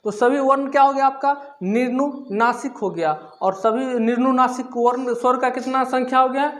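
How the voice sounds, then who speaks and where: A man's voice: very high voice, moderate pace. A man teaching a grammar lesson, explaining each point step by step, asking questions and answering them himself, and repeating key terms. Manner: repetitive, asks and answers own questions.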